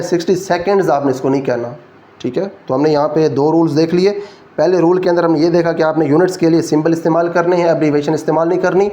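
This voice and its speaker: A man with a Pakistani Urdu accent and a somewhat high, slightly mellow voice delivers a physics lecture in class. As the teacher, he walks through each rule step by step and checks in with his students along the way.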